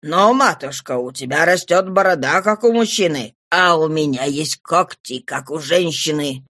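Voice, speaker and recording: A reader voicing a stern, calm male police inspector in an audiobook, commanding and measured. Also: mid-range voice, no echo, clean studio sound, voice pushed down, close to an everyday voice. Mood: mocking. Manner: cool and commanding, slow and measured. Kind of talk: audiobook reading.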